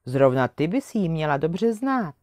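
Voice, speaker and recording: A woman voicing a kind, gentle old woman who tends flowers, speaking softly and in a friendly way. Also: low voice, very animated, no echo, studio quality. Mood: kindly. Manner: soft and friendly.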